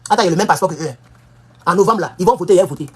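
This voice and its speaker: Fast, husky woman ranting. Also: fairly low pitch, lively intonation. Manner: emphatic and scolding, with rhetorical questions. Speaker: political commentator. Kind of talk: impassioned political monologue. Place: United States.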